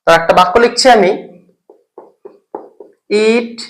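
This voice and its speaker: Teacher going over grammar, keeps asking "okay?", reads example sentences slow word by word. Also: medium pitch, lively intonation, fairly bright tone, rough recording. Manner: asks the listener questions and checks in with "okay?". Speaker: English teacher. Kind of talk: explaining grammar in a recorded lesson.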